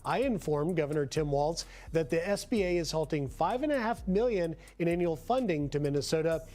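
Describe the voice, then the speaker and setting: A news reporter reads a scripted segment in an even, measured broadcast delivery at a middle pitch.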